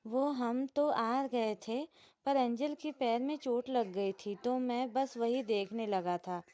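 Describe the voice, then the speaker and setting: A woman voicing a childlike young man in a storybook who frets and repeats himself, with her own slightly high voice. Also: slow pace, mellow. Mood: eager. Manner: fussy, pleading, repeats himself.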